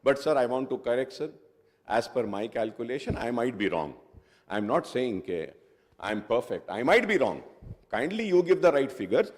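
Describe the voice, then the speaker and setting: A man's voice: medium pitch, big pitch swings, extremely slow. A man giving an argumentative speech as a legislator on the assembly floor, moving between English and Hindustani. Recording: echoey assembly hall.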